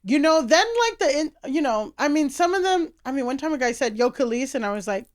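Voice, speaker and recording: A woman's voice: high voice, animated, brisk. A woman from South Florida, a comedian guest, speaking bluntly and outspokenly in casual podcast chat.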